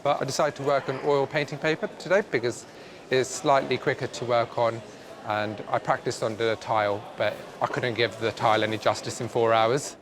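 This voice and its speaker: A man's voice: mid-range voice, fairly even intonation, moderate pace, a crowd in the background. A man, an artist in a competition, talking thoughtfully and modestly about his work. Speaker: contestant artist. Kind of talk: interview.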